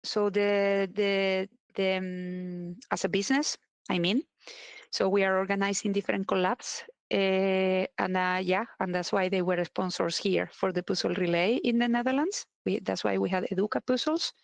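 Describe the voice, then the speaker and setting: A woman's voice: medium pitch, moderate pace, gravelly, no room sound. Spanish-accented woman, dry close voice. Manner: relaxed, searching for words, frequent "eh" fillers. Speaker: co-host. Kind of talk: live stream commentary.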